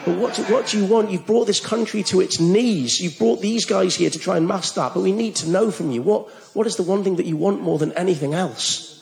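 Sarcastic male comedy host, slightly high voice, echoey room. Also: a little fast, creaky, a little mellow. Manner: teasing, sarcastic, escalating mock outrage. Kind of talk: comedic interview, mock-accusatory banter. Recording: roomy echoey venue.

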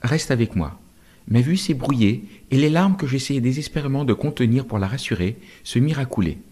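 Husky, warm-voiced male narrator. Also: mid-range voice, fairly quick. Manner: expressive, dramatic storytelling. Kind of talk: audiobook narration of a novel.

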